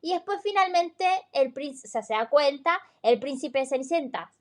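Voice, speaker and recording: High-voiced woman podcaster telling stories. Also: lively intonation, normal speed. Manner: conversational storytelling, with frequent fillers and tag questions. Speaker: podcast co-host. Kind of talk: casual podcast chat.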